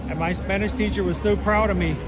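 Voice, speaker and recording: A man chatting casually as a livestream host, self-deprecating, with soft R's that sound like W's. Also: sits high, steady tone, fast talker. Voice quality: can't pronounce R's, says w for r. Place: outdoors at a theme park. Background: music.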